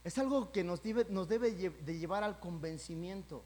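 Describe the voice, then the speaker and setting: A pastor preaching a sermon, talking conversationally and then building to loud, emphatic peaks. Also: male voice, high-pitched, normal speed. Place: church sanctuary. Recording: church hall with long reverb.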